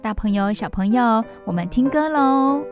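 A woman's voice: on the high side, expressive, moderate pace. A woman hosting a children's radio show, reading a bedtime story aloud as if to a toddler, with simple exclamations and repeated phrases. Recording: music playing behind the voice. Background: music.

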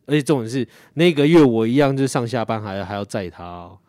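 Animated, swearing man. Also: mid-range voice, quick pace, dry recording, studio quality. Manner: animated storyteller who swears and acts out quoted friends. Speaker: podcast co-host. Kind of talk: casual chat.

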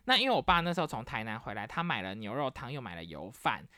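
A woman's voice: extremely low pitch, fast talker, no echo, clean studio sound. A woman from Taiwan hosting a podcast, chatting casually through family stories and acting out each person's quoted voice. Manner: chatty, animated storytelling that acts out the quoted voices of family members. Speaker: podcast host. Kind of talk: casual storytelling monologue.

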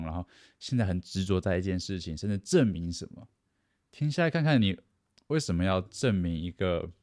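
A man's voice: sits low, darkish tone, no room sound, studio quality. A man giving casual advice, chatty, acting out boastful people and laughing at himself. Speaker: self-help speaker.

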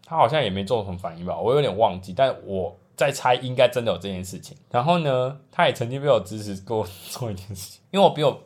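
Young male co-host, rapid animated storyteller. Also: mid-range voice. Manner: chatty, animated, acts out quotes. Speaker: podcast co-host. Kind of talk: casual podcast storytelling.

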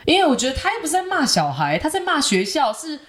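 A woman's voice: sits high, wildly swooping pitch, quick pace. A young woman with a Taiwanese Mandarin accent co-hosting a podcast, chatting casually and giving frank opinions. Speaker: podcast co-host. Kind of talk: casual chat.

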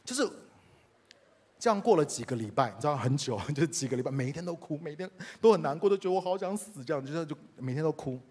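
A man's voice: on the high side, rapid-fire, hardly any pauses, husky. A man from Taiwan with a Taiwanese Mandarin accent, a pastor telling a personal story in a sermon and speaking directly to the congregation. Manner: animated, addresses the congregation directly.

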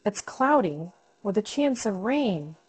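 A woman's voice: mid-range voice, very animated, slow pace, slightly rough, no echo, rough recording. A woman giving short, plain scripted answers in a dialogue drill. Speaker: example speaker in a dialogue drill.

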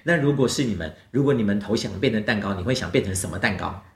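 A man's voice: lowish voice, quick pace, a little hiss or hum. A man with a Taiwanese Mandarin accent telling a picture-book story to small children, playful and coaxing with simple questions, often giggly. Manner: giggly, animated. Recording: echoey room.

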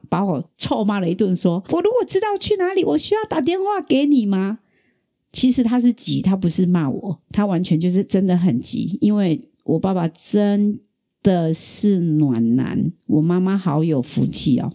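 A middle-aged woman from Taiwan hosting a podcast, telling a personal story in a lively, chatty way. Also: lowish voice. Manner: animated storyteller, acts out quoted voices. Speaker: podcast host. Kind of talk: casual storytelling.

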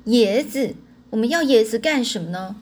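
A woman's voice: medium pitch, moderate pace, a little hiss or hum, natural voice. A woman doing an eager curious boy. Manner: eager, questioning.

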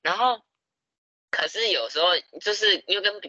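A young man, telling stories in a casual podcast chat, animated and laughing often. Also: sits high, moderate pace, dry recording, dull audio. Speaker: podcast co-host.

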